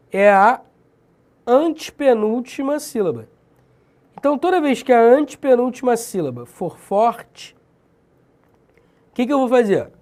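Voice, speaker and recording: Lively slangy Brazilian man teaching. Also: very high voice. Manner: slangy, emphatic, keeps checking in with "beleza?". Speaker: Portuguese teacher for civil-service exams. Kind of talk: casual exam-prep lecture.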